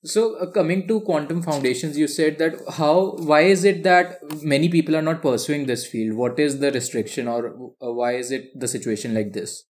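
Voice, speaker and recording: A man's voice: fairly high pitch, normal speed, hardly any pauses. A male host asking questions hesitantly in an interview. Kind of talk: conversational interview.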